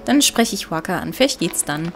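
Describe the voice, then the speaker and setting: A woman's voice: fairly low pitch, lively intonation, a little fast. A woman giving casual game commentary as a let's player, chatty and thinking aloud. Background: game music.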